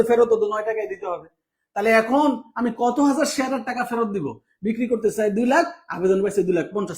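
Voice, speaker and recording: A man from Bangladesh delivers an exam-prep accounting lecture. He moves at a fast clip, firing questions at students and answering them himself in a teaching tone. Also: extremely high pitch.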